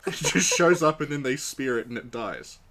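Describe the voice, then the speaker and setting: A man's voice: mid-range voice, expressive, normal speed, sharp tone. A man hosting a live game stream, chatting casually in a dry, matter-of-fact way. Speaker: streamer, host.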